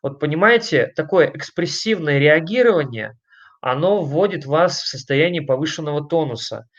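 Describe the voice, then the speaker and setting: A man's voice: a little high, lively intonation, moderate pace. Man lecturing emphatically on a dull recording. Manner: emphatic, conversational, addresses listeners directly with frequent rhetorical questions. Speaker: lecturer on family communication. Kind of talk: online webinar lecture.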